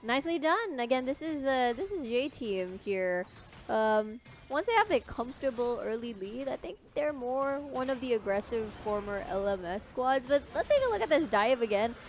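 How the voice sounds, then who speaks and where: A young woman casting a live esports match, giving relaxed analysis. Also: fairly high pitch, moderate pace, soft background music. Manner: relaxed analysis, laughs easily. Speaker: esports caster.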